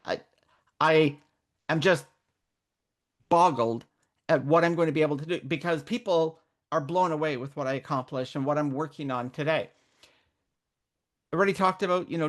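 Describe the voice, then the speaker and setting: A middle-aged woman raised in Canada, speaking as a guest mentor in a candid interview, earnest and reflective, often restarting her sentences. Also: low voice. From born in Northern Ireland, raised in Canada.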